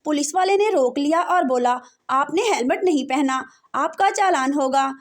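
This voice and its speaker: In a high voice at normal speed, a woman tells a run of short jokes. Each punchline is met with canned laughter from a laugh track.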